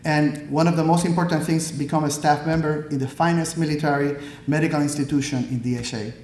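With fairly even intonation, a Puerto Rican-accented man in his thirties, an Army pathologist invited to speak, reads prepared notes at the podium in an earnest, measured way with occasional fillers. His slightly high, somewhat mellow voice echoes through the hall over a slight hiss or hum.

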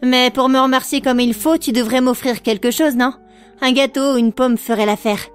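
A woman's voice: high-pitched, fairly even intonation, moderate pace, clean tone, faint music behind, voice pushed up, natural voice. A woman voicing a mysterious teenage girl who speaks in a cool, commanding and teasing way.

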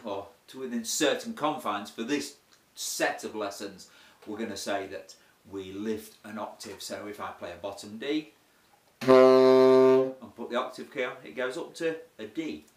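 A man's voice: lowish voice, expressive, normal speed, a bit bright, faint music behind. A man teaching a casual saxophone lesson, chatty and self-deprecating, explaining step by step. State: has the hiccups. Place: room with a board. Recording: roomy echo, heard from a distance.

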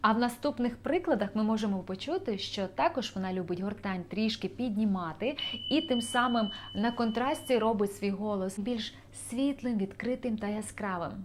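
A woman's voice: mid-range voice, moderate pace, music in the background. A young woman, a vocal coach, explaining singing technique in an enthusiastic video lesson.

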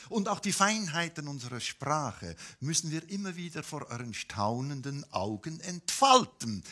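A man's voice: a little high, fairly bright tone, slightly rough. A man from Switzerland, delivering a satirical cabaret monologue on stage in an ironic, mock-polite manner. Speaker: cabaret performer.

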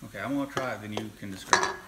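A man's voice: fairly low pitch, racing, sharp tone, a little hiss or hum. A man with an East Tennessee accent, tasting snacks in casual chat, joking and hunting for words. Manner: joking, rambling, hunts for words. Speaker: co-host taste tester.

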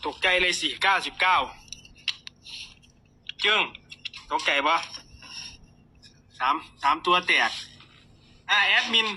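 A hoarse man with an Isan Thai accent hosts a casual livestream, chatting to viewers and rattling off numbers. His voice sits high for a man and rings very bright and sharp. The cold roughens it throughout. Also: slow pace, pauses often, slight background noise. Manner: chatty, reads numbers aloud, talks to viewers. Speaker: lottery tips livestream host.

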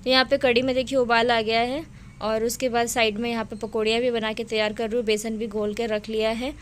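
Woman, thirties, chatty mom vlogger; fairly high voice, phone recording with loud rain noise. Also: little pitch movement, a little fast. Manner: chatty, repeats words, talks to viewers as friends. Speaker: vlogger, mother. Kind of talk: casual home vlog narration. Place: home, indoors.

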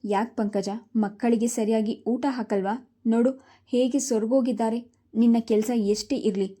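A woman's voice: fairly high pitch, steady tone, moderate pace, mellow, natural voice. A woman voicing a stern middle-aged husband who scolds and questions his wife in a told story.

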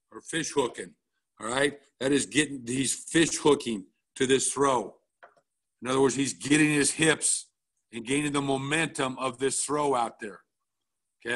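This middle-aged coach has a medium-pitched, fairly bright voice. Walking through game film at a coaching clinic, he stays blunt and casual, checking in often with "all right?"

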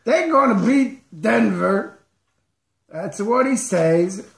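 Guy doing a goofy ranch cousin, gravelly and draggy broken english, comedy skit, echoey room. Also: sits high, sing-song, fairly bright tone, heavily acted. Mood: halting, deliberate. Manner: slow, halting delivery in broken English. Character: comic Mexican cousin, rustic rhyming rancho bumpkin. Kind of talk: improvised comedy sketch character. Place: living room at home. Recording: roomy home webcam sound.

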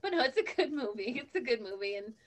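A woman's voice: fairly high pitch, very animated, fast. A woman co-hosting a podcast, chatting casually with opinionated asides. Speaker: podcast co-host. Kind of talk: casual chat.

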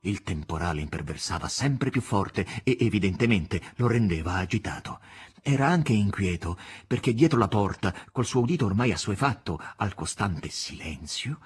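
A man's voice: lowish voice, big pitch swings, moderate pace, husky. A man reading a literary novel aloud with theatrical, dramatic storytelling. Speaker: audiobook reader. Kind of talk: expressive literary narration.

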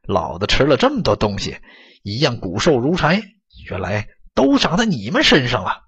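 A man's voice: mid-range voice, huge pitch swings, moderate pace, fairly bright tone, breathy edge, heavily acted. A man voicing a ragged young male beggar who talks bluntly and coarsely, on a dull lo-fi recording. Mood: wry.

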